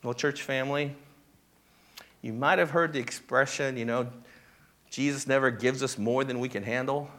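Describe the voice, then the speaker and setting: A male pastor giving a sermon in a conversational way, often checking in with the congregation, and turning animated when he acts out the disciples. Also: medium pitch, normal speed, pauses often. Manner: conversational, checks in with "right?" and "okay?".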